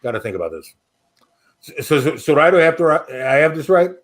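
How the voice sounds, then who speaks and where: Wisecracking, expressive male storyteller. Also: on the high side, brisk. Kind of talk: first-person horror-comedy story reading.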